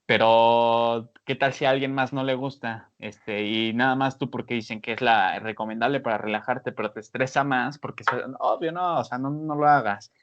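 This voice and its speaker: A man giving casual advice on a podcast, animated, with many fillers. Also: medium pitch, normal speed, hardly any pauses. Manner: animated, many fillers, acts out scolding voices. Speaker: podcast panelist. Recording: dull lo-fi sound.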